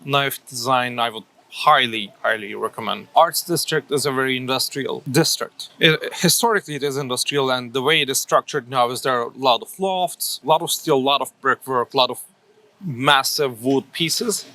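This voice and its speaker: A man's voice: mid-range voice, normal speed, bright, forceful tone. A man from Turkey in his thirties, a coffee shop owner answering interview questions thoughtfully, with many fillers and restarts.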